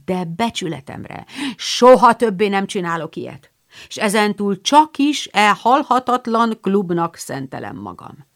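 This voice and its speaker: Egy nő egy kamaszfiút szólaltat meg, aki tréfásan, fennkölten és színpadiasan mutatkozik be egy klubban. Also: female voice, medium pitch, sing-song. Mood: mock-formal. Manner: mock-formal, theatrical bowing speech. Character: teenage boy playing a pompous club servant.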